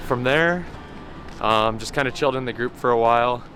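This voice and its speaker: A man's voice: mid-range voice, little pitch movement, fast talker, fairly bright tone, slight background noise. A man giving a casual, self-deprecating recap of a bike race outdoors, a bit out of breath, with lots of fillers. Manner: laid-back, self-deprecating, many fillers. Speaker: pro mountain bike racer, vlog host.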